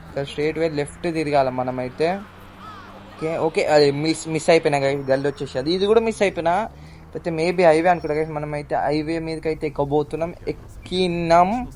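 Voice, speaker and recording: A young man gives chatty gameplay commentary. His voice sits a little on the high side. He keeps talking to his viewers and shouting to people in the game. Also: slight background noise. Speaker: gaming YouTuber.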